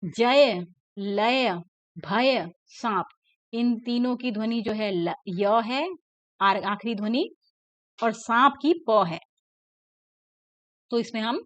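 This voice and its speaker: A woman's voice: on the high side, dry recording. A woman teacher, patiently explaining a lesson to young children and often checking that they follow. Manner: patient, repeats words slowly and checks in with "ठीक है ना". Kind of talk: classroom lesson explaining a textbook. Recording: dull, lo-fi, dry sound.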